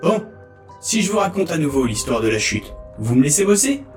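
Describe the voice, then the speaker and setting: A man voicing a weary old male humanoid house robot in an audio story, speaking in a metallic robot voice and sounding gruff, like someone who wants to be left alone. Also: on the high side, very animated, fairly quick, soft background music, voice pushed up. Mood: bargaining.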